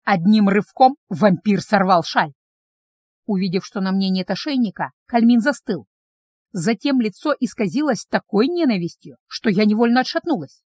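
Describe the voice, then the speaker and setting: A woman's voice: mid-range voice, expressive, normal speed, darkish tone, no room sound. A woman narrating a novel in the first person as an audiobook reader, in an intimate, tense storytelling manner, close to the microphone.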